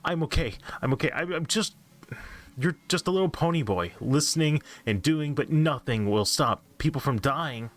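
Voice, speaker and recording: A man's voice: on the high side, voice pushed up, lightly acted. A man reading a creepypasta as an anxious, doom-obsessed narrator who keeps nervously reassuring himself.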